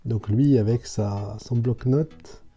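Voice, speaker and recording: A man's voice: mid-range voice, slow, warm tone, husky, soft background music. A man chatting casually as he unboxes toys, thinking aloud and describing each figure in detail. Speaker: toy reviewer.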